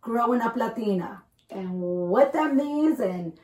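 A woman's voice: fairly high pitch, lively intonation, measured pace, dark tone. A woman from El Salvador hosting a podcast, talking candidly and conversationally and slipping in Spanish phrases. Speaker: host. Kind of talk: casual podcast chat. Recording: echoey room.

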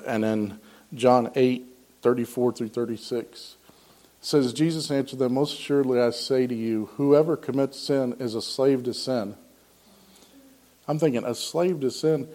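A man's voice: mid-range voice, steady tone, normal speed, a little mellow. A man giving a casual personal testimony on scripture, rambling and earnest, with many ums and restarts. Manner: acts out quoted dialogue in a raised voice. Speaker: lay speaker sharing a devotional.

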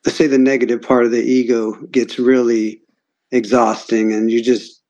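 A man's voice: medium pitch, level tone, moderate pace, darkish tone. A man talking as a podcast guest in a loose, casual way, with many fillers. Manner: loose, filler-heavy talk. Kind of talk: casual conversational chat.

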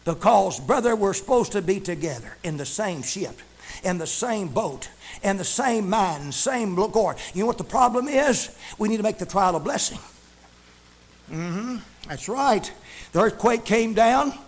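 A male preacher, delivering a sermon in a shouting, chanting cadence. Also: high voice, lively intonation, a little slow.

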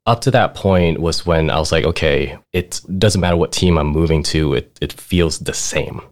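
Speaking at a moderate pace in a very deep voice, a man in his thirties who grew up in Thailand and speaks Thai as his first language tells the story of his career as a finance manager. In this casual interview he's laid-back, laughs often, and frequently says "like" and "right?".

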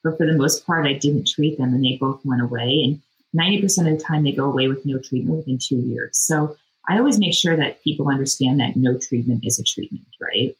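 Low-voiced woman casually explaining as a doctor. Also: brisk, poor audio. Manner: informal, plain-worded, frequent "you know" and "like". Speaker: dermatologist podcast guest. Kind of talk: casual explanatory interview talk.

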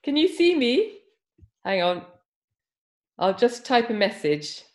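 Woman interviewer, slightly high pitch, soft encouraging conversational questioning. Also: big pitch swings, slow.

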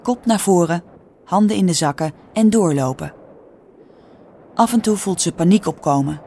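A woman with a Dutch accent reading a children's story aloud in a calm, clear storytelling manner. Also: on the low side, normal speed. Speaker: narrator. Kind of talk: scripted storybook narration.

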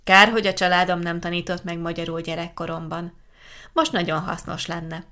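A woman hosting a language-learning podcast, chatting casually and reading a listener's letter aloud in a calm, clear, measured way. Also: on the low side. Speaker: podcast host for Hungarian learners.

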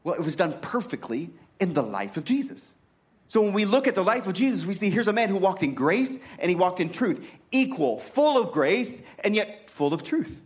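A pastor preaching to his congregation in a fairly high voice. He talks with emphasis and keeps asking rhetorical questions. His pitch climbs high and then drops low and quiet. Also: sing-song, normal speed. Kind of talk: sermon.

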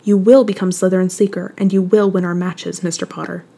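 A woman's voice: lowish voice, flat delivery, a little fast, creaky, warm tone, breathy edge. Woman reading as a purring, menacing schoolmaster. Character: cold sneering male schoolmaster, menacing and sly. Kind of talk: fan fiction audiobook reading.

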